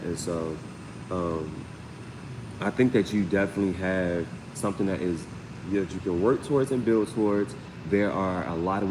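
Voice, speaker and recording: With a deep voice and a noisy background, a man hosts a live tarot session. He wanders conversationally and sprinkles in "you know what I'm saying" often.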